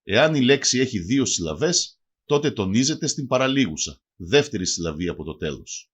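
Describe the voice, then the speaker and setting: A man narrates a language lesson from a prepared script, his voice sitting at an ordinary pitch for a man. His delivery moves up and down lively through each phrase. He slows right down to spell out example words with care. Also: breathy edge. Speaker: language teacher.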